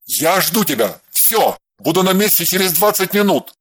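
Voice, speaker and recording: A man voicing a jealous, furious husband who snaps and shouts at his wife. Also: a little high, animated, slow, no echo, clean studio sound. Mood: stern. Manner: shouting, snapping, harsh. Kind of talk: audiobook character voice.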